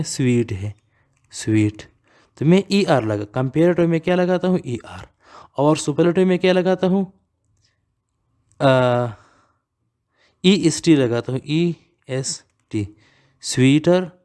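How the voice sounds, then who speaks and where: Male grammar teacher, slightly high voice, slow drilled delivery, answers his own questions. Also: a little mellow. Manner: asks and answers his own questions, repeats key words; reads English examples slowly and deliberately. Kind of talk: classroom grammar lesson.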